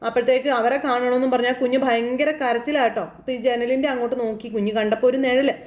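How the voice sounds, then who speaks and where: A woman casually retells a TV serial episode in a chatty, animated storytelling style. She talks fast, in a fairly high voice. A roomy echo trails her words. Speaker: serial recap narrator.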